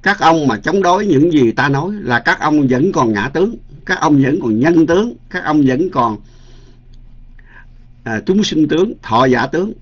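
A man voicing an arrogant male court official turned monk who scolds the other monks loudly. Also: mid-range voice, fast talker, hardly any pauses, close to an everyday voice. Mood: haughty scolding. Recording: dull lo-fi recording.

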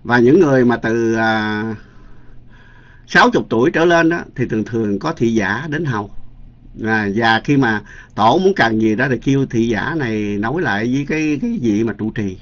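A man's voice: medium pitch, expressive, normal speed. A man, a Buddhist monk teacher telling a story in a dharma talk, chatty, with many fillers and repeated words. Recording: dull lo-fi recording.

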